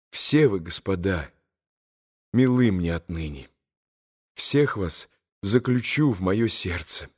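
A man voicing a gentle, earnest young man giving a tender speech in an audiobook. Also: on the low side, slightly rough, heavily acted. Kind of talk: audiobook character reading.

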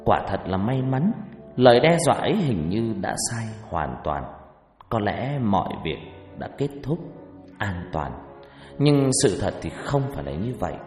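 Male storyteller, mid pitch, lively dramatic narration, echoey room, faint music bed. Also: unhurried. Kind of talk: scripted first-person ghost story narration.

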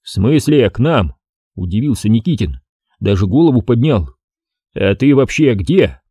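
A gruff middle-aged police chief, impatient and slangy, voiced by a man reading an audiobook. The voice is dark and mellow with a lively pitch. It is recorded dry and close. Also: normal speed, dry recording.

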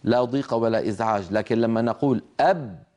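A man's voice: mid-range voice, fairly quick, a little mellow. A man teaching Quran recitation in a televised lesson, patiently sounding out letters and asking listeners to repeat them. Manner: asks listeners to repeat after him.

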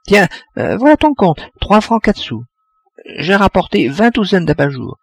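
A man voicing a ten-year-old girl with a high, fluting voice. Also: measured pace, vocal fry, breathy edge, full character voice. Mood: excited. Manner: fluting, excited.

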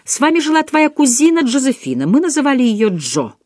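A woman's voice: sits high, sing-song, brisk, darkish tone, no echo, clean studio sound, voice pushed up. A woman voicing a resolute, friendly man, speaking firmly and reassuringly. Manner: firm, reassuring.

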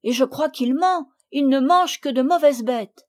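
A woman's voice: high voice, measured pace, voice pushed up. Woman doing indignant little girl Camille. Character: eager little girl Camille, quick to anger.

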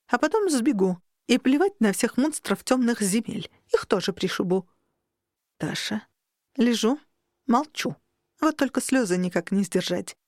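A woman's voice: fairly high pitch, lively intonation, normal speed, darkish tone, no echo, clean studio sound. Emotional woman reading a novel aloud. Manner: emotional, rising sharply in distress. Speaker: audiobook narrator. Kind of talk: first-person novel narration.

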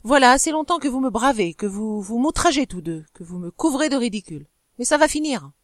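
A woman reads out a jealous husband from an old novel, a coarse nobleman who shouts his threats and sneers at his wife. His voice is forceful and stumbles when he gets worked up. The sound is dry and close. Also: mid-range voice, brisk, dry recording, close to an everyday voice. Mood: furious. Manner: loud, sneering and stammering in anger.

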